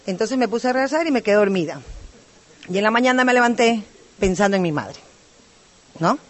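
A woman's voice: mid-range voice, animated, brisk. Ecuadorian woman telling her story at a group meeting, talks and talks, lots of little asides. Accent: Ecuadorian Spanish. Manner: talkative and rambling, with many asides. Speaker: speaker at a recovery group meeting. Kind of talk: personal testimony.

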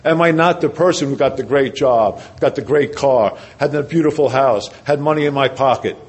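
New man at a podium sharing his recovery story, repeating phrases and questioning the room, average pitch. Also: normal speed, breathy edge. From New Jersey. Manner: earnest storytelling with rhetorical questions and repetition. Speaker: recovery speaker. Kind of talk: personal recovery story told to a meeting.

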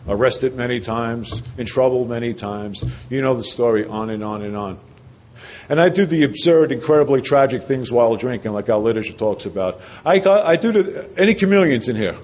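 New man at a podium sharing his recovery story, repeating phrases and questioning the room, average pitch. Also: animated, a little fast, a little mellow. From New Jersey. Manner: earnest storytelling with rhetorical questions and repetition. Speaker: recovery speaker. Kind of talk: personal recovery story told to a meeting.

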